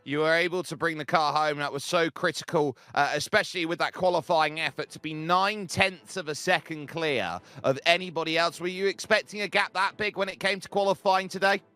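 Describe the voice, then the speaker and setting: A man's voice: a little high, fairly even intonation, a little fast, few pauses, sharp tone, clear, resonant tone. A man hosting a sim racing broadcast, asking drivers fluent, polished questions. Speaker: broadcast host. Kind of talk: sports broadcast interview.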